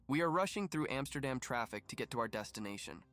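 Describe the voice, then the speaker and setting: A man narrating a documentary voice-over in a calm, even, explanatory way. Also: medium pitch, brisk, soft background music.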